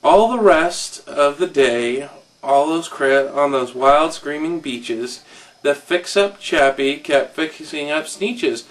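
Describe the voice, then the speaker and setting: A man slowly reading a rhyming children's story aloud in a rhythmic way, a little off-mic. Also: a little high, expressive, far from the mic. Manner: slow, rhythmic rhyme reading.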